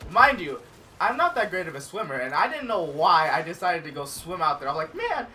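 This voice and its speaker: Young guy telling a story over a game, bright voice, kinda far from the mic, little hiss. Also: on the high side, fairly quick. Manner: animated storyteller, acts out his own panicked lines. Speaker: cast member telling a story. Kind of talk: casual gaming chat.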